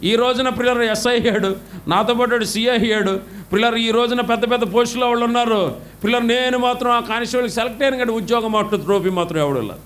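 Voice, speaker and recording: A middle-aged pastor from India preaching a sermon with passion, his voice swinging from loud highs to low drops. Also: fast, slight background noise.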